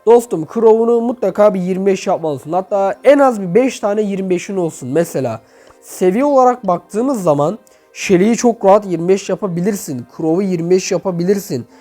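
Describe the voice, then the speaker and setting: A young man with a high voice runs through a game-account review in chatty commentary, speaking straight to his viewers. His voice echoes off a half-emptied room, and quiet music plays underneath. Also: brisk. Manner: chatty, addresses viewers directly and often. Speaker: gaming YouTuber reviewing player accounts. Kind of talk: casual commentary over gameplay.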